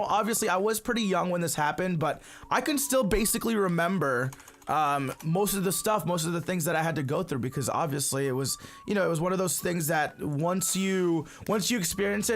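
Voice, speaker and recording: Playing a game at home while his family cleans around him, a Filipino gaming channel host with a slightly high voice tells casual, meandering stories to his audience. He uses lots of fillers, restarts his sentences, and repeatedly addresses viewers as "you guys."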